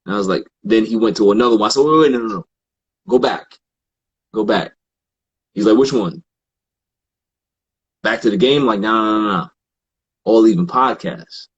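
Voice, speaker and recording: A man with a husky, slightly breathy voice tells a long story in easy conversation, acting out little exchanges with friends as he goes. The sound is dull and lo-fi, like a plain home podcast setup. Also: lowish voice, moderate pace, pauses often. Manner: relaxed, quotes others in animated asides, frequent fillers. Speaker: podcast guest.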